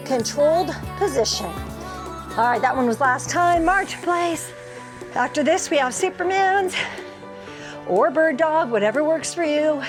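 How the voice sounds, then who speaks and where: A middle-aged woman leading a workout as an encouraging, energetic instructor, calling out short motivational cues while exercising. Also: high-pitched, measured pace. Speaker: fitness instructor, host. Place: inside a motorhome living area. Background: music.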